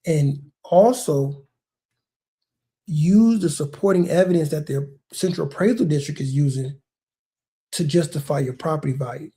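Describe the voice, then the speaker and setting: Gravelly-voiced man explaining casually. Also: on the high side, normal speed, warm tone. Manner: conversational, repeats words, says man and bro. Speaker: realtor and video host. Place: lives near a large Texas city.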